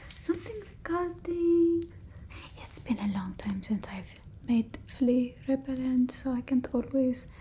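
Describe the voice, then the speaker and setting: A woman's high-sitting, breathy whisper brings to life a scatterbrained vampire potion-maker steeped in old-world folk cures, delivered in a fake Eastern European accent for a soft-spoken ASMR roleplay. She muses forgetfully, rambling and muttering slowly with many pauses. Slight background noise can be heard.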